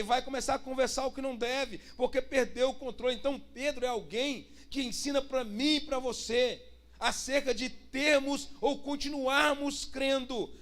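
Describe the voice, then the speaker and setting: A man's voice: very high-pitched, a bit bright. A pastor, preaching a sermon and putting rhetorical questions to his congregation. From Brazil.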